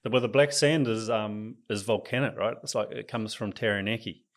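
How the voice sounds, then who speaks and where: A man's voice: lowish voice, fairly quick. A man with a New Zealand accent, a coach chatting as a podcast guest in an easygoing, enthusiastic way. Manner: relaxed, enthusiastic about nature. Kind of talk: casual interview chat.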